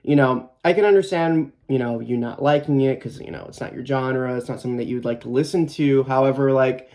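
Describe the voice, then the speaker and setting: Brisk and mid-range with a darkish tone, a twenty-something band guitarist talks through documentary interview questions. He's easygoing yet halting, piling up fillers and starting over many times.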